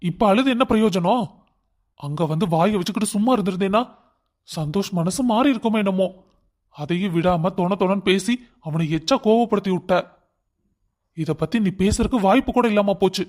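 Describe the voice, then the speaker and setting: A man's voice: high-pitched, fairly quick, long pauses, darkish tone, natural voice. A man voicing a stern older father who scolds and lectures his family in a cartoon story.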